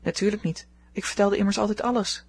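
A woman's voice: mid-range voice, fairly even intonation, fast, gravelly, darkish tone, slightly rough. A woman voicing a rueful young lady. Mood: confiding. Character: young woman at a ball, regretful.

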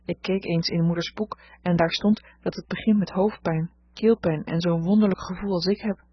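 A woman reading a gentle shy young girl. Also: lowish voice, normal speed, breathy edge, no echo. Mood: reassuring. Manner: soft, calm, reassuring. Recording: dull lo-fi recording.

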